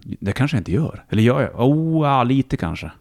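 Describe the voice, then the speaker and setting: A man with a Hälsingland Swedish accent, chatting casually as a guest, relaxed and rambling, swearing easily. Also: mid-range voice, vocal fry. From Sweden, Hälsingland. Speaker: musician and radio host, guest. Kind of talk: casual conversation.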